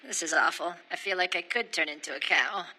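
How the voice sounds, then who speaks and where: A man playing an excitable, grumbling teenage schoolboy in an English anime dub, theatrical and exasperated. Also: sits high, fairly quick, heavily acted, rough recording. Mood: uneasy. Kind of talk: English-dubbed anime acting.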